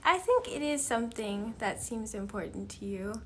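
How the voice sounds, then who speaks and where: A woman's voice: a little high, animated, normal speed, a bit bright, husky. A young woman talking with her mother, hesitant and full of fillers, trailing off into whispers. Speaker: daughter. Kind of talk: casual conversation.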